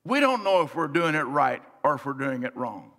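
A middle-aged man preaching a sermon as pastor, earnest, swinging between soft and emphatic delivery. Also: mid-range voice, sing-song, moderate pace. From United States. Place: large church sanctuary, on stage. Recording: long church hall reverb.

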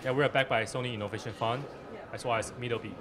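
A man's voice: fairly even intonation, fast. A man in his thirties, a startup founder, explaining his product with a handheld mic in a busy conference hall. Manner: explanatory pitch, non-native grammar. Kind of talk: product demo interview. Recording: loud crowd chatter behind.

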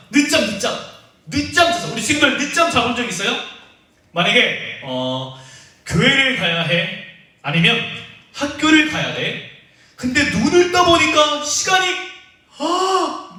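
Lively young man teaching kids in an echoey room. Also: high-pitched. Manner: playful, teasing, talks directly to kids by name. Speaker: children's ministry teacher. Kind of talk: online Sunday school lesson for children. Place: church room. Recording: echoey, distant from the mic.

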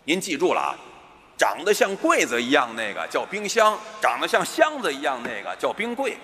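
A man's voice: a little high, wildly swooping pitch, normal speed, sharp tone. A man performing stage crosstalk, lecturing his partner in a bossy mock-teacher way. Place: theater stage with a live audience. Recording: reverberant hall, faint noise.

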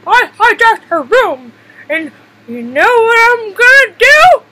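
A woman's voice: extremely high pitch, sing-song, slow, heavy background noise, exaggerated voice. A woman voicing a cranky old woman chasing a recipe thief, out of breath and exclaiming theatrically outdoors. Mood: triumphant.

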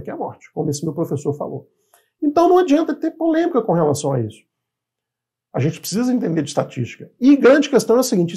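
Man in his 50s, instructor type, mellow husky voice, conversational lesson delivery. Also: sits high. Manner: conversational, asks and answers his own questions. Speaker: real estate appraisal instructor. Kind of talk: informal online lesson.

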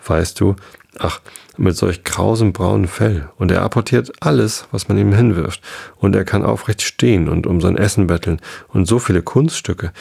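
A man's voice: low voice, creaky, a little mellow, husky, heavily acted. A man reading a polite, chatty little girl. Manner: eager and apologetic. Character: polite chatty young girl lost in wonderland.

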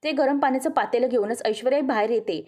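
A woman's voice: high-pitched, fast talker, a little mellow. A woman retelling a television serial episode as a vivid, emotive story, addressing listeners as friends. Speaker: narrator of serial episode recaps. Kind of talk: dramatic storytelling recap.

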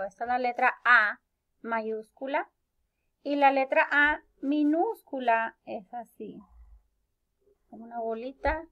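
Woman, preschool teacher, slow and drawn-out, bright higher voice, checks "ok?" often. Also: dull audio. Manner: drawn-out words, syllables clapped and repeated; asks "ok?" after each step. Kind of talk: slow, patient lesson for young children.

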